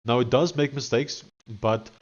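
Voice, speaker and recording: Male live streamer, broad Afrikaans South African accent, mid-pitched, casual chat and dictation, slightly lo-fi audio. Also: fairly even intonation, measured pace. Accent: thick Afrikaans South African. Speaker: live streamer coding on screen.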